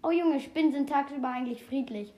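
A woman chatting excitedly while playing a video game, exclaiming often and rambling between facts. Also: sits high, fast. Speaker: game player. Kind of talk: casual gameplay commentary.

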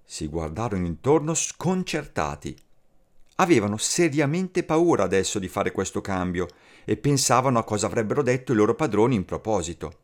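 A man reading a fairy tale aloud as a storyteller, slow and expressive. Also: fairly low pitch. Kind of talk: scripted fairy tale narration.

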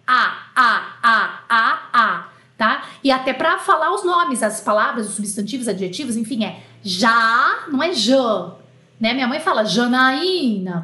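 A Brazilian woman with a Brazilian Portuguese accent teaching an online French lesson, explaining patiently and spelling out letters slowly. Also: on the high side, bright, forceful tone, reverberant.

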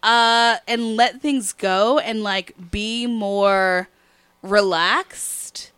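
Woman co-host, unhurried delivery, dry close sound, candid and laughing easily. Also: mid-range voice, a bit bright, smooth, no echo. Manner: open and reflective, laughs often. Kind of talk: casual podcast chat.

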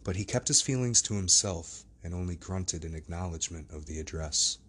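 A man narrating a classic novel as an audiobook, in measured, steady storytelling. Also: deep voice, breathy edge.

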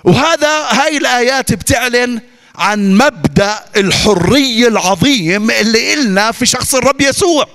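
High-voiced Levantine preacher in echoing hall. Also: male voice, lively intonation, normal speed, a bit bright. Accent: Levantine Arabic. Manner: emphatic preaching with repetition and rhetorical questions. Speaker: pastor. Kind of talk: sermon. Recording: long reverb of a large hall.

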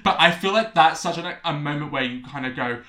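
Casting: young man, a bit higher voice, rambling, self-correcting, sweary chat. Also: brisk, pushed and bright, roomy sound. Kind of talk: casual chat.

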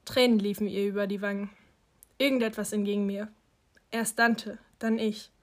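A woman narrating an audiobook in a calm, even manner. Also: mid-range voice, moderate pace. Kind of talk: audiobook reading.

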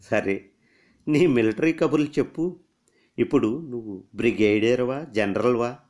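A man reading a story aloud, voicing a firm, composed young woman who scorns weakness and later pleads gently. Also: medium pitch, a little slow, close to an everyday voice. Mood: coaxing. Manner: stern then gently pleading.

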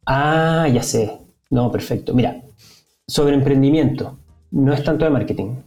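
A Chilean man talks as a podcast guest in an easy, rambling way, full of fillers and restarts. His voice is warm and dark. Faint music plays underneath. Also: medium pitch, measured pace, creaky. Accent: Chilean Spanish. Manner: relaxed, chatty, frequent fillers and restarts. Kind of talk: casual interview chat.

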